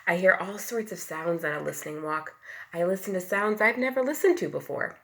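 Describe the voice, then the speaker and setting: With a fairly low, animated voice touched by vocal fry, a woman teacher moves briskly through a picture book for young children. She whispers and calls out the sound words, asks the kids questions, and explains things simply.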